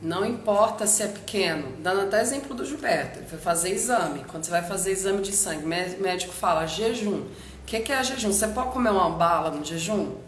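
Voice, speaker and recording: A woman's voice: on the low side, expressive, brisk. A woman hosting a live stream, explaining directly and addressing her viewers. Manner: direct, speaks straight to viewers. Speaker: nutrition live stream host. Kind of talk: instructive live talk to viewers. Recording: echoey room with faint background noise.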